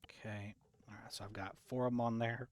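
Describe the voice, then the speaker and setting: During casual military game chatter, a man working out mortar firing solutions mutters to himself as he works through the task. His voice is lowish and level, a little fast, with no room sound.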